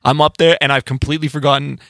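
A man's voice: a little high, flat delivery, fast, fairly bright tone, no echo, studio quality. A man co-hosting a podcast and telling stories in casual chat, rambling and swearing with lots of filler words. He is a band musician. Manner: rambling storytelling with profanity and filler. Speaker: podcast co-host.

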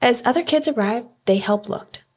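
A woman reading a children's picture book aloud at story time in a clear, measured way. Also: a little high.

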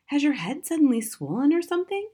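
A woman's voice: high-pitched, big pitch swings, fast talker, mellow, pitched above the performer's own voice. A woman voicing a sly little daughter in a storybook, cheeky but innocent and matter-of-fact. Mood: feigned innocence.

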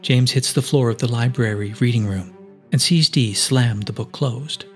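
A man narrating a fantasy adventure story in steady, dramatic scripted narration. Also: medium pitch, moderate pace, soft background music. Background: faint musical score.

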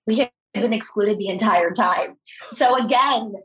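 Being interviewed as a guest, a woman author in her thirties recounts anecdotes earnestly and conversationally, tending to restart sentences and repeat her first words. Her medium-pitched voice is fairly bright at a moderate pace, heard through slightly dull, lo-fi audio.

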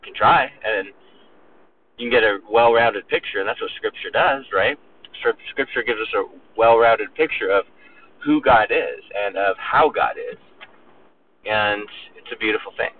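Man preaching from afar, tinny. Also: lowish voice. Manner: earnest, emphatic, slows down on key words. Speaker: pastor. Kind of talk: sermon. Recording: distant phone-like recording with faint noise.

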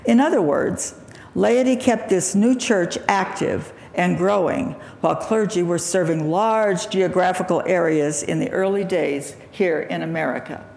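A woman lay speaker giving an earnest sermon in a church sanctuary, with a throaty, gravelly morning voice. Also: fairly low pitch, a little mellow, slight background noise. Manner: measured, earnest preaching with throat clearing. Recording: echoey hall reverb, faint ambience.

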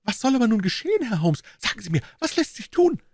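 Ein Mann spielt einen aufgeregten jungen Angestellten, hoch. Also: male voice, a little high, wildly swooping pitch, brisk, slightly rough, no echo, studio quality, voice pushed up, exaggerated voice. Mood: agitated. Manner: agitated, exclaiming. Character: young male clerk, frantic and bewildered.

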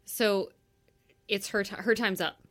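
Bright-voiced young woman recapping a book. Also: medium pitch, fairly even intonation, unhurried. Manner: laid-back, summarizing, swears casually. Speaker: podcast co-host. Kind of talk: casual chat, book recap.

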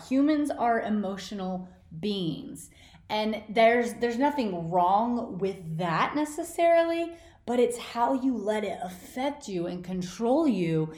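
A podcast host, a woman with a medium-pitched, darkish voice, gives an informal motivational monologue that is emphatic and blunt in a casual way. It was recorded in a room with a roomy, echoing indoor sound.

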